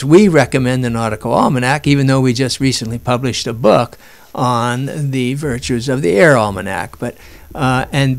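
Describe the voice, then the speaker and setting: A man's voice: mid-range voice, vocal fry. A man giving an informal lesson while looking through documents on screen, rambling with restarts and fillers. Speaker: instructor.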